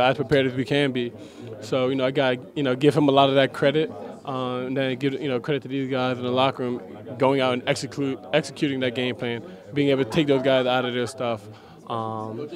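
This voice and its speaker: A young man, a college basketball player, answering post-game questions haltingly with many fillers in a locker room. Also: medium pitch. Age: young adult. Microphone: handheld mic held by interviewer.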